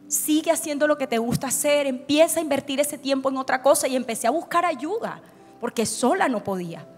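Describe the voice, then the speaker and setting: A woman pastor, preaching an emotional testimony at a conference and acting out her own past words. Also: high voice. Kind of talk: conference sermon with personal testimony. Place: large church hall. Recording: church hall reverb with soft music.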